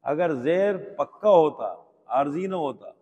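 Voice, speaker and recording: A man with a Pakistani Urdu accent teaching the rules of Quran recitation to a class, patiently asking questions and answering them himself and drawing out example words slowly. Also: fairly high pitch, a little mellow, long reverb tail, highs cut off. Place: mosque teaching hall.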